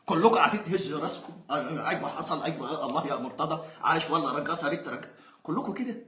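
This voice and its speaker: A man's voice: a little high, lively intonation, quick pace, sharp tone. A young Egyptian man, a football fan, ranting in exasperation and sarcasm, sometimes laughing. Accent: Egyptian Arabic. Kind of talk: angry ranting monologue. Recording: roomy echo.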